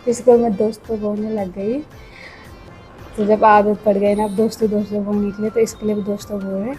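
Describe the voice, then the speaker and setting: A woman's voice: medium pitch, level tone, brisk, mellow, faint music behind, low-quality recording. A young woman chatting casually to her viewers while she cooks at home. She is hot and itchy from the heat and keeps calling her audience "friends". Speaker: home vlogger. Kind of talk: casual home cooking vlog narration. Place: home kitchen. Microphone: clip-on mic.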